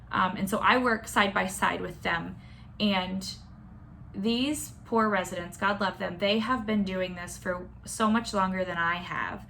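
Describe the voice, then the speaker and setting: A woman's voice: medium pitch, gravelly, fairly bright tone, a little hiss or hum. A young adult woman, a nurse practitioner, talking candidly and casually to a school class, with many fillers and restarts.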